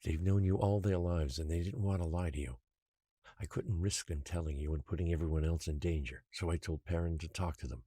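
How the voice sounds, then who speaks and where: A male actor voices an island's secret ruler, a patient, controlling guardian, in an audio drama, speaking in a measured, quietly menacing way. His deep, husky voice sounds grave as he justifies himself, on a dry recording.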